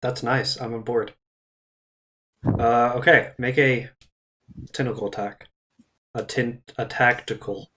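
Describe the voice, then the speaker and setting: A man's voice: medium pitch, steady tone, slow pace, pauses often, bright, forceful tone. A man running a tabletop game as dungeon master, rambling and punning and often correcting himself. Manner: rambling, punny, self-correcting.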